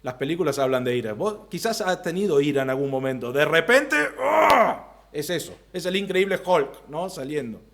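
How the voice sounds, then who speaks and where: A man preaching an expository sermon from the pulpit in an Argentine Spanish accent, swinging from loud bursts to quiet low asides. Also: lively intonation, a little fast, few pauses. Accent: Rioplatense Spanish. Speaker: pastor.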